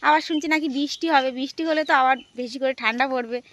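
A woman's voice: high voice, racing, fairly bright tone. A woman from the Sundarbans narrating a casual village vlog outdoors, chatting to viewers as friends while walking. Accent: Bengali, Sundarbans. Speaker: vlogger.

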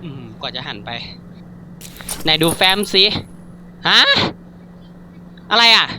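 A man commenting casually on a horror game as he plays, excitable and jumpy, swearing freely. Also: fairly high pitch, takes it slowly, a little hiss or hum. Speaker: gaming YouTuber.

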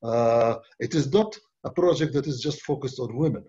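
An older man answering as a panelist on a webinar, halting with many uh fillers, over a laptop video call. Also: mid-range voice, warm tone, slightly rough. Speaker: panelist, development bank official. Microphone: laptop webcam video call. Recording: muffled video-call audio.

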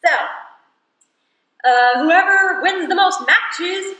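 Speaking slowly in an extremely high, bright, forceful voice, a young woman hosts a relaxed card game in her living room for a video, laughing and wandering off-topic while going over the rules. The recording is muffled, with room echo and a far-off mic.

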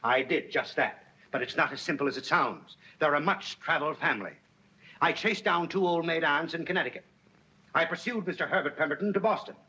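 An actor playing an anxious, flustered young law clerk in a 1930s film, on a dull old soundtrack with hiss. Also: male voice, fairly high pitch, brisk, pushed and bright. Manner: flustered, talks himself into a state.

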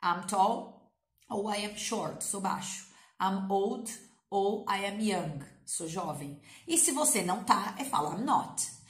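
A Brazilian woman with a cold, teaching English in a playful, energetic way with slangy asides and coaxing repetition. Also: medium pitch, slow. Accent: Brazilian Portuguese. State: has a cold. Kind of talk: energetic online English lesson. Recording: echoey room.

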